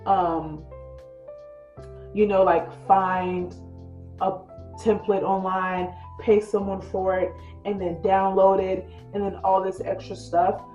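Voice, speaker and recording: A woman with a mid-range voice talks slowly and flatly, chatting her way through a casual tutorial with lots of fillers and a slightly congested, cold-affected sound. She's a lifestyle vlogger who calls her viewers "girl" and "you guys." The recording sounds dull and roomy, with soft music underneath.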